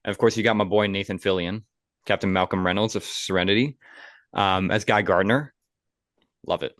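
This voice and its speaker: A man's voice: on the low side, normal speed, a bit bright, dry recording, studio quality. A man co-hosting a casual movie podcast, rambling and enthusiastic with lots of fillers. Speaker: podcast co-host. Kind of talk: casual movie review chat. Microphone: podcast microphone.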